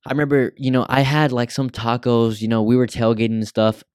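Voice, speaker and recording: A man's voice: mid-range voice, level tone, fairly quick, darkish tone, smooth, no echo, studio quality. A young American man hosting a casual solo podcast, talking with newly fitted braces in a rambling, slangy, sweary way. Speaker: podcast host.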